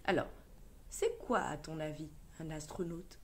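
A woman teacher with a French accent leading a reading lesson for young children, sounding out words and syllables slowly and clearly. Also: low voice. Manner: slow, clear syllable-by-syllable modeling. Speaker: primary school teacher.

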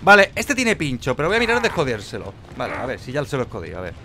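A man giving live, mocking commentary while playing a horror game, jumping between loud outbursts and low muttering. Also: huge pitch swings, quick pace, background noise. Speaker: gameplay streamer.

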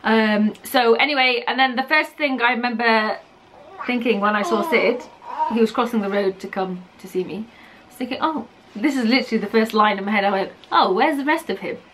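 A woman's voice: fairly high pitch, fairly quick, fairly bright tone. A young woman telling how she met her husband in a casual, playful chat, often cutting in to correct him. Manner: chatty, playful, interrupts to correct. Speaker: co-host telling a couple story.

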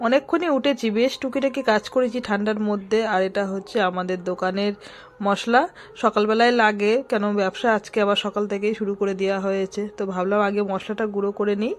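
A hoarse woman with a cold, chatting directly with viewers in a casual daily vlog recorded around her home. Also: medium pitch, steady tone, quick pace. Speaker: vlogger. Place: at home, kitchen and rooftop. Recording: home recording with clear background noise.

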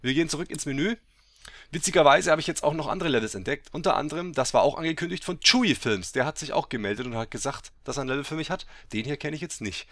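A man giving let's play game commentary, excitable and teasing, who swears and bursts into loud yells. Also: a little high, fast, dry recording, studio quality. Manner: mocking, teasing banter.

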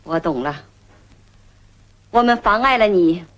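A woman's voice: lowish voice, expressive, measured pace. A proud, blunt middle-aged woman from a 1970s film drama. She answers in short, cutting lines full of dry irony and does not back down. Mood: cutting, ironic. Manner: blunt, sharp, ironic.

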